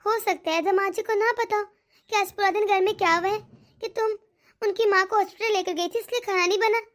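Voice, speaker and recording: A woman voicing a worried aging mother in a cartoon, gentle and coaxing. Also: extremely high pitch, fairly even intonation, fairly quick. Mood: soothing. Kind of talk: cartoon dialogue.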